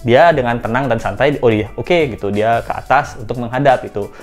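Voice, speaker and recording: A woman's voice: extremely low pitch, a little fast, darkish tone, faint music behind. A woman hosting casual news commentary, chatty and speculative, acting out quotes and laughing at her own jokes. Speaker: host of a commentary channel.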